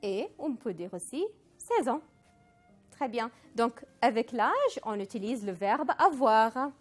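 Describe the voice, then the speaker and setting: Slow, lively woman teaching French. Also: a little high, faint music behind. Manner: slow, deliberate model phrases for repetition, mixing in Arabic. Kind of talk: recorded language lesson.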